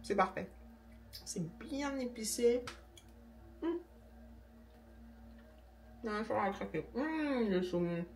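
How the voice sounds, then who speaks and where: A young woman chatting casually to camera in her vlog, slangy and relaxed, sometimes talking with her mouth full. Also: medium pitch, measured pace, gravelly, slight background noise. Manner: chatty, slangy, talks while eating. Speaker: vlogger. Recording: echoey room, voice a bit distant.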